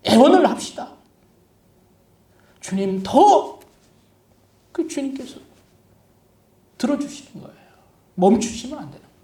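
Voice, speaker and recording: A male pastor preaching a sermon, lively and humorous, often asking the congregation questions. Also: extremely high pitch, unhurried, long pauses. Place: church sanctuary. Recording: echoey church hall from a distant mic.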